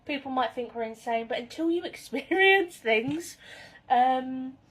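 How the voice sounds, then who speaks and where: Chatty woman with a high voice. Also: animated, measured pace, fairly bright tone. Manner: chatty, rambling, spooked storytelling. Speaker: vlogger. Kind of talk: casual chat to camera. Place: kitchen at home.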